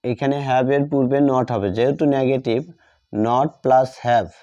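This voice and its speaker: In a dull lo-fi recording, a man walks through a grammar lesson one step at a time, dictating each word, writing out examples and repeating himself. His voice is medium in pitch with a dark tone, fairly even intonation and a slow pace.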